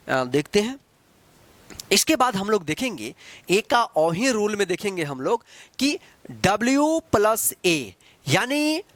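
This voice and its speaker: High-voiced man teaching English pronunciation. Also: fairly bright tone, no echo. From Bihar, India. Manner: repetitive, asks questions and answers them himself; spells words letter by letter slowly. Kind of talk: classroom-style spelling and pronunciation lesson.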